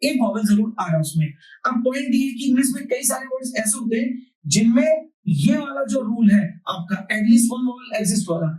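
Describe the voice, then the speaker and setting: A man's voice: extremely high pitch, animated, normal speed, darkish tone. A man teaching a grammar class. He repeats key points and asks questions that he then answers himself. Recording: roomy, distant mic.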